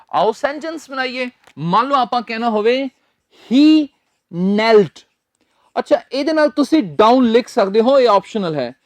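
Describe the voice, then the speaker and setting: A man's voice: very high-pitched, dry recording. A man teaching a spoken English lesson, spelling out words letter by letter and drilling his students with patient repetition. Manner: patient, step-by-step explaining.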